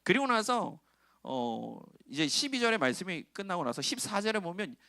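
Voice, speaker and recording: A man's voice: sits high, very animated, normal speed, vocal fry, pushed and bright, no echo, studio quality. A middle-aged man preaching to young adults, conversational, often questioning the congregation and acting out quoted lines. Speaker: pastor.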